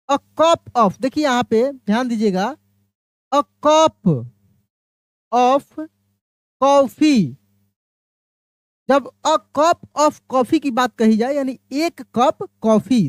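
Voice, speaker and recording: A woman's voice: high voice, darkish tone, dry recording, studio quality. A woman teaching an exam-prep grammar lesson, explaining step by step and often asking her listeners questions before answering them herself. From India. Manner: drawls English example phrases out slowly.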